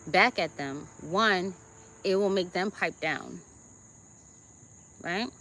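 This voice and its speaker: A woman with a Jamaican accent gives a deliberate self-help talk as host, often checking in with her listeners with "okay?" and "right?". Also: lowish voice, bright, forceful tone.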